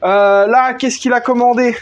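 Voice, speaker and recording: High-voiced chatty French workshop vlogger. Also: male voice, steady tone, a little slow, muffled recording. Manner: chatty, many fillers, slangy, talks to the viewer. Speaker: moped tuning vlogger. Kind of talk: casual workshop vlog. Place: outdoors under a gazebo in front of his house.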